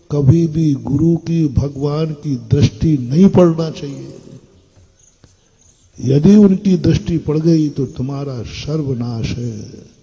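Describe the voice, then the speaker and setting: A man's voice: on the high side, mellow, slightly rough, rough recording. An older man preaching a sermon to an audience, blunt and scolding, asking his listeners questions. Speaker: Jain monk preacher.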